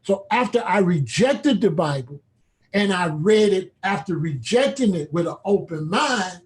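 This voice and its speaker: A man's voice: high-pitched, lively intonation, measured pace. A man speaking as the guest on a call-in talk show, in blunt street slang and with emphatic, preachy conviction.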